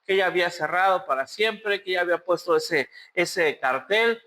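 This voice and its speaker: Bright, high-voiced Mexican preacher. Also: male voice, moderate pace. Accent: Mexican Spanish. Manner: animated storyteller acting out voices. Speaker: pastor. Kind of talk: sermon storytelling. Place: church.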